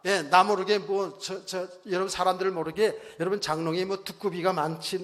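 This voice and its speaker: A male pastor preaching a sermon, exhorting the congregation with rhetorical questions and calls for amen, swinging between loud bursts and quiet low phrases. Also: steady tone, brisk. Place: church sanctuary. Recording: long hall reverb.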